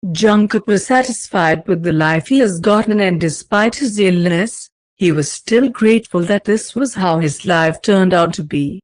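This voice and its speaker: A woman narrating a fanfiction story aloud in a steady, even storytelling manner. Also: fairly low pitch, unhurried, few pauses, no room sound.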